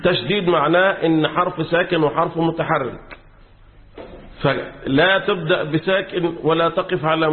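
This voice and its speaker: A man with an Egyptian accent, a sheikh lecturing a class on Quran commentary, quizzing his students with fill-in questions and repeating key words. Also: fairly high pitch. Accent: Egyptian Arabic. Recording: tinny lo-fi phone-like recording.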